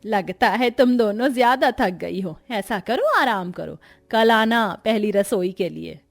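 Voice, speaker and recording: Woman voicing a brisk mother-in-law. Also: mid-range voice, lively intonation, vocal fry. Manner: scolding, teasing. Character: strict-seeming but kind middle-aged mother-in-law. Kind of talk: cartoon story voice acting.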